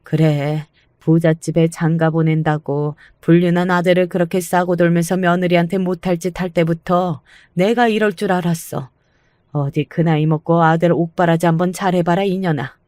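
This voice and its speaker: A woman's voice: lowish voice, fairly even intonation, normal speed, a little mellow, dry recording, studio quality, lightly acted. A woman voicing a fierce, protective older mother in a radio-style story, with mocking, cutting retorts. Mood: scornful.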